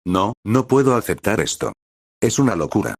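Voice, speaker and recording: A man reading the lines of a cheerful, determined teenage hero girl in an even, unchanged voice. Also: fairly low pitch, normal speed, slightly rough, no room sound, studio quality. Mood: earnest. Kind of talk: scripted fanfic reading.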